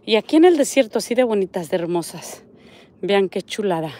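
A woman's voice: medium pitch, animated, fairly quick, mellow. A middle-aged woman with a Mexican accent, chatting casually on a walking vlog, reading viewer comments and pointing things out, recorded on a phone outdoors on a street. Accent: Mexican Spanish. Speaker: vlogger. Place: outdoors on a residential desert street.

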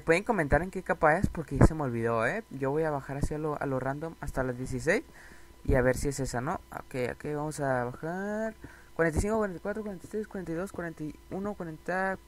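A young man giving excitable, repetitive commentary over a Minecraft challenge and talking straight to his viewers. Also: on the high side, a little hiss or hum. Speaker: gaming youtuber.

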